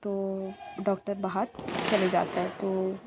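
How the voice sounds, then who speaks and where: A woman's voice: medium pitch, monotone, takes it slowly, noisy background. A woman casually retelling a love story episode in a chatty way, with many fillers and lightly acted quoted lines.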